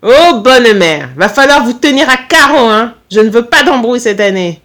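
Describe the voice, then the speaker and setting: Woman doing a loud Corsican vice-principal. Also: on the high side, lively intonation, pitched above the performer's own voice. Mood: firm, jovial. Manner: firm, brisk, loud. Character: short jovial but stern male Corsican vice-principal.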